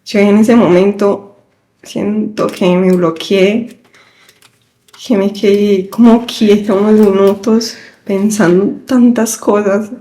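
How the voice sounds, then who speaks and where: A woman, softly recounting a painful memory in an interview, halting as she goes. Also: medium pitch. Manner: halting, soft-spoken recounting. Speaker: victim's daughter. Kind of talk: interview testimony. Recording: roomy echoing room.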